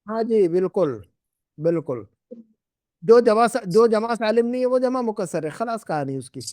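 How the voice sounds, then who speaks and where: A man's voice: sits high, lively intonation, moderate pace, a little mellow, dry recording, studio quality. A middle-aged man teaching an Arabic class, patiently repeating and drilling words with his students. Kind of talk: classroom lesson.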